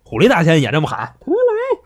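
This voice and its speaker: A man retelling a classic tale in casual chat, lively and full of sound effects. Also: on the high side, rapid-fire, breathy edge. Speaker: podcast storyteller.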